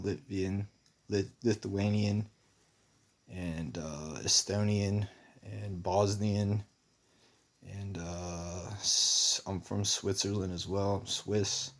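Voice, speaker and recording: A man's voice: deep voice, creaky. A young man talking in a rambling personal monologue, meandering with many fillers and restarts. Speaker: vlogger.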